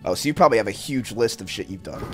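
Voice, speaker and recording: A man's voice: fairly low pitch, animated, racing, soft background music. A man in his twenties hosting a livestream on a close mic, chatting casually in a blunt, teasing way. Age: 20s. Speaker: livestream host. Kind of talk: casual reactive chat. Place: decorated indoor room. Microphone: close boom microphone.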